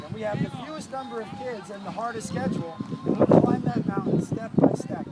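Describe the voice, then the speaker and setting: A man's voice: sits high, poor audio. A man coaching youth football, speaking earnestly outdoors to his team and repeating phrases for emphasis. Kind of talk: impromptu motivational team speech.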